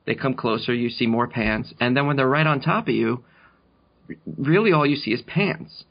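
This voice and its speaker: A man co-hosting a comedic podcast, deadpan and halting, with slow absurd asides. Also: medium pitch, slightly rough. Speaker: podcast co-host. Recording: lo-fi podcast recording.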